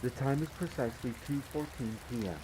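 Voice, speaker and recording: In a scripted audio roleplay, a man plays a courteous, devoted demi-human butler in a vampire's castle, addressing the listener directly in a formal, polite, measured manner. His medium-pitched voice is lightly acted, with the steady rain of a storm audible behind him.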